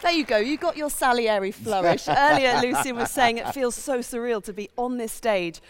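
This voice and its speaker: A woman's voice: on the high side, normal speed, a crowd in the background. A woman hosting an onstage interview in a theatre, speaking as an enthusiastic presenter. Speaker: interview host. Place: large theatre stage.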